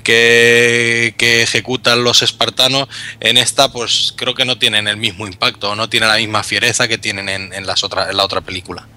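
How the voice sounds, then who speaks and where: Male co-host, very bright, sharp tone, hesitant and halting, lots of fillers. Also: on the low side, little pitch movement. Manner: hesitant, many fillers and restarts. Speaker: podcast co-host. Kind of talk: casual film review chat.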